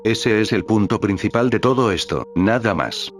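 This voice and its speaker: A man reading a spiritual teacher's talks aloud in a calm, measured way, voicing the questions and stage directions too. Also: fairly low pitch. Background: faint background music.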